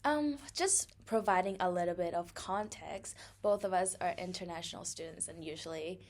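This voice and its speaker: Chatty and quick to laugh, this young Thai woman co-hosting a podcast talks at a moderate pace in a voice on the low side. Her casual speech is full of fillers.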